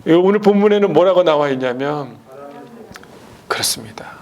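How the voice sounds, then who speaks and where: A man preaching a Sunday sermon in a fairly high voice. He keeps tossing rhetorical questions at the congregation, and his pitch leaps up and sinks down in a lively way. His volume moves between loud bursts and near-whispers. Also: moderate pace. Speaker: pastor.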